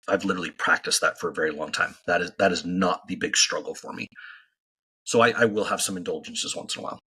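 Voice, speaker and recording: A man talking in a podcast chat with a low, husky voice that still has a bright, edgy tone. He argues emphatically and keeps asking rhetorical questions to drive his point home. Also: poor audio. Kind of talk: casual podcast conversation.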